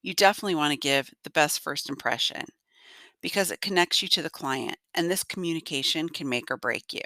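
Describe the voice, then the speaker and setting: A woman in her forties hosting a podcast, congested with a slightly nasal, gruff voice, giving direct, encouraging business advice. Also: deep voice, fairly quick, sharp tone, no room sound. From North Carolina. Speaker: podcast host. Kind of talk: solo business podcast talk.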